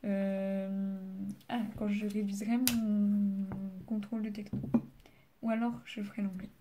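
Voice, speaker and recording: A French teenage girl does homework on camera for her study vlog, chatting casually with lots of fillers and sometimes sinking to a murmur. Her mid-range voice is flat and measured in pace, with background noise present.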